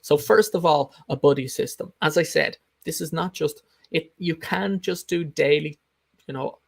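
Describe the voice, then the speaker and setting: Pitched on the high side, with a gravelly voice at a moderate pace, a man teaches English learners live and informally. His explanations are emphatic and instructive, he repeats the key points and responds to comments, and there's no room sound.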